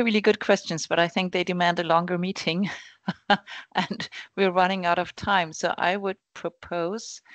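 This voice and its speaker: A woman's voice: on the low side, no echo. A woman moderating an online meeting over a video call, speaking in an informal professional way.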